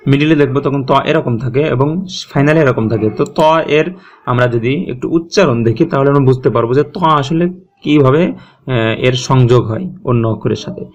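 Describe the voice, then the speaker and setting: A man teaching Quran recitation step by step, patiently repeating each sound and checking in with his listeners. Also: medium pitch. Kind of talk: step-by-step tajweed lesson.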